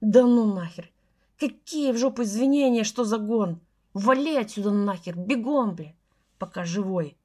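An enraged young man spits curses and threats, voiced by a woman reading aloud. He is rough and hot-tempered, and his voice sits a little higher than a man's usual. It is storybook dialogue, read with force. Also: lively intonation, fairly quick, darkish tone, natural voice. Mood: furious. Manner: swearing, barking threats. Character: furious young man, rough and foul-mouthed. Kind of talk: audiobook dialogue.

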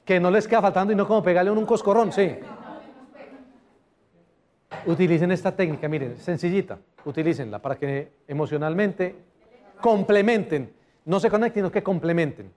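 A man giving a lively customer service seminar, often putting questions to the audience. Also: high-pitched, brisk, long pauses. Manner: animated, asks the audience questions. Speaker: motivational speaker.

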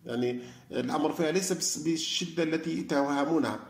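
Man, religious lecture, fairly high voice, roomy echo. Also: fast. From Algeria. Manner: animated, argumentative, asks rhetorical questions. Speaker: lecturer on Quran study.

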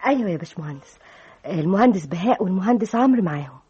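An eager-to-please office secretary with an Egyptian accent in a vintage radio drama. Her voice is very breathy and husky, with a lively pitch and a quick pace. The recording is dull, with faint music behind. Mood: polite. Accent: Egyptian Arabic. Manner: deferential, polite. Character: polite young woman secretary, eager to please.

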